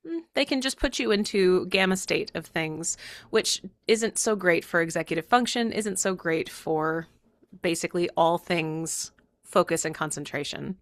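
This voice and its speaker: A woman's voice: on the low side, fairly bright tone, no echo. A woman from Virginia hosting her own spiritual podcast, talking casually in a chatty, rambling way and laughing often. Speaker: podcast host and channeler.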